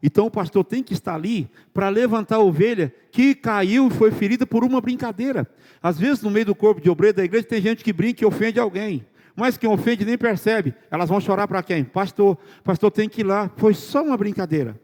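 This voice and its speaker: A man's voice: high voice, a little fast, darkish tone. A male pastor preaching a sermon in a church, firing rhetorical questions at the congregation. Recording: church sermon with long hall reverb.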